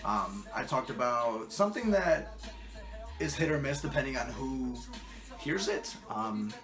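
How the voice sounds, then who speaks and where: A rapper talking casually about the ideas behind his songs, pausing often with ums and restarting thoughts. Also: mid-range voice, big pitch swings, fairly bright tone, echoey room, faint music behind. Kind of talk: casual spoken track commentary.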